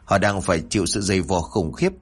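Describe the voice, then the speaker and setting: A man's voice: low voice, a little fast, slightly rough. Man voicing a grieving young woman ghost. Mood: tender.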